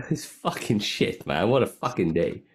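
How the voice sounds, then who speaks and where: A man's voice: lowish voice, measured pace. A man telling a story on a casual podcast, swearing often and acting out what people said. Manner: swears a lot, animated, acts out quotes. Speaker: podcast co-host.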